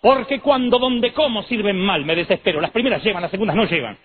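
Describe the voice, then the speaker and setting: A man voicing a stern, old-fashioned female schoolteacher who declaims her lessons in a shrill, drawn-out way. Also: natural voice. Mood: stern, declaiming. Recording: tinny lo-fi recording with faint noise.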